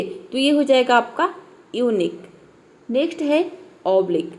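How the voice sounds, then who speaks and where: A young woman teaching English spelling and pronunciation, her voice pitched a little high with a gravelly edge. She explains patiently and repeats example words slowly for her viewers. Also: a little mellow. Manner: patient, repeats words slowly, says "theek hai" often.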